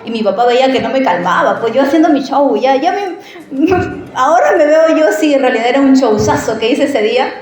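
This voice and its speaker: A woman preacher giving a sermon in a church, telling a personal story in an animated, conversational way and often asking the listeners questions. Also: high voice, a little fast, very echoey.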